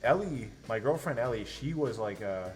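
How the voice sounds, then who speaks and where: A young man co-hosting a casual podcast, telling stories in an animated, rambling way with lots of restarts. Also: mid-range voice, moderate pace, soft background music. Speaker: podcast co-host. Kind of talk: casual chat.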